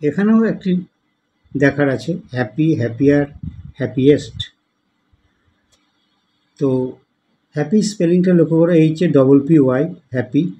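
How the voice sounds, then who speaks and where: A man teaching English grammar to students, explaining slowly, spelling words out letter by letter and asking the class questions. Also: a little high, warm tone, highs cut off. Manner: spells words letter by letter, repeats forms patiently; asks the class questions to guide them. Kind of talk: slow explanatory lesson.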